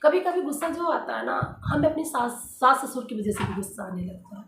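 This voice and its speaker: A woman's voice: high voice, lively intonation, brisk, creaky, fairly bright tone, slight background noise. Earnest housewife woman in a roomy echo. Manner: earnest, direct, repeats points with many fillers. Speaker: housewife vlogger giving advice. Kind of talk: casual advice talk to viewers.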